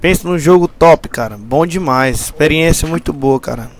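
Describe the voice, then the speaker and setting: A man's voice: fairly high pitch, normal speed. A man chatting enthusiastically with friends while streaming a game. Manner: enthusiastic, chatty, says "cara" a lot. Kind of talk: casual gaming chat.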